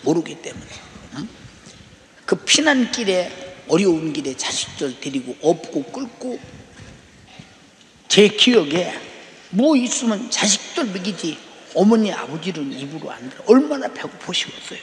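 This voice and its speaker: An older male pastor preaches with a high, swooping voice that leaps between soft asides and emphatic peaks. He keeps prodding his listeners with rhetorical questions. His words ring out through a reverberant sanctuary, with faint noise underneath. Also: sing-song, unhurried, pauses often. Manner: emphatic, rhetorical "eh?" prompts to the congregation. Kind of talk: sermon. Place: large church sanctuary. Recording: echoey hall reverb.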